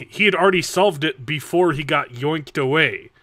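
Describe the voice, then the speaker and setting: A man chatting casually on a book discussion livestream, laughing often and stumbling over words when excited. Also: fairly high pitch, measured pace, no room sound.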